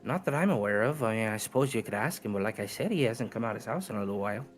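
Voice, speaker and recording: A man's voice: lowish voice, lively intonation, racing, natural voice. A man voicing a humble, obliging village carpenter in a folksy, hammy drawl for a tabletop role-play, with music behind him.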